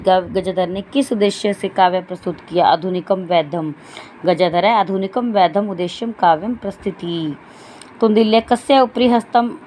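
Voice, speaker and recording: A woman's voice: mid-range voice, a little mellow. Woman teacher, patient line-by-line explanation, slight room noise. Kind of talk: Sanskrit lesson explained in Hindi.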